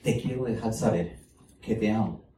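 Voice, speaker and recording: A man's voice: lowish voice, normal speed, dark tone, slight background noise, voice pushed down, close to an everyday voice. A man, a preacher acting out an earnest, tender adult son in a sermon joke. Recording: roomy, distant mic.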